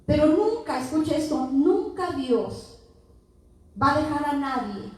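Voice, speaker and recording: A woman teaches a Bible lesson with fervor, her voice high and bright. She sounds distant, caught by a far-off mic in a very echoey room. Steady noise runs under her words. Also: unhurried. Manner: fervent, interjects amens and calls to God.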